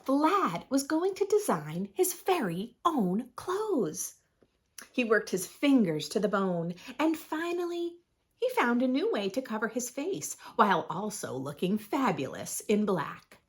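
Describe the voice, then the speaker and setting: A host reading a children's picture book aloud, this woman uses a wildly animated, swooping pitch for a preschool audience. She goes slowly, pausing for drama and drawing out key phrases, and her voice carries a soft huskiness.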